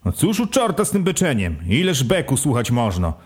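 A man's voice: medium pitch, wildly swooping pitch, fairly quick, a little mellow, breathy edge. A man reading an audiobook as a first-person storyteller, in an earthy, rustic folk style. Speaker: audiobook reader.

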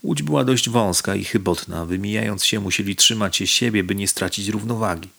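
A man reading a novel aloud as an audiobook narrator, in a steady, measured way. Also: lowish voice, vocal fry.

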